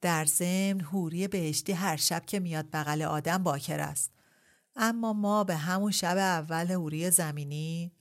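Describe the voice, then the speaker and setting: Performed by a woman, the character is a young husband with a natural voice who talks slowly in a low hush. He is wheedling and insistent, with a leering edge.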